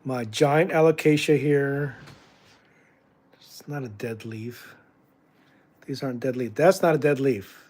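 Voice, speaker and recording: Rambling livestream host chatting with viewers. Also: male voice, medium pitch, slow, long pauses, darkish tone. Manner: rambling, jokey, distracted, self-correcting. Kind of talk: casual livestream chat with viewers. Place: home room with houseplants, indoors.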